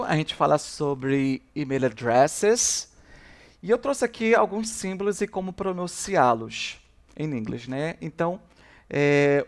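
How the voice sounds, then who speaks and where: A male English teacher works through a review lesson at an unhurried pace. He draws out each English model word slowly and often says it twice, then slips into lower, quicker asides between them. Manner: slow, drawn-out English model words repeated for practice; explains in Portuguese, drops low and quick on asides. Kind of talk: recorded review class.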